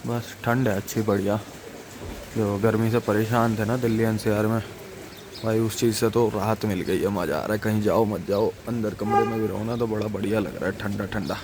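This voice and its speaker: A man's voice: fairly low pitch, fairly even intonation, moderate pace, noisy background. A man from Faridabad, India, talking casually to the camera as a travel vlogger, chatting with viewers like friends. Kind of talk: casual vlog chat to camera.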